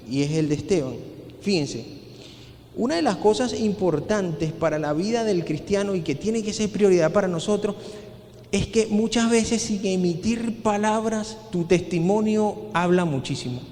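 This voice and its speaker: A man's voice: sits high, darkish tone. A male pastor giving an earnest sermon full of rhetorical questions. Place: church hall. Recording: long hall reverb.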